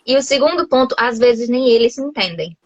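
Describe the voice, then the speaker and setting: A woman's voice: fairly high pitch, lively intonation, a little fast, no echo, muffled recording. A woman from Brazil chatting casually over a video call, laughing often and restarting her sentences. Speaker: host, English teacher living abroad.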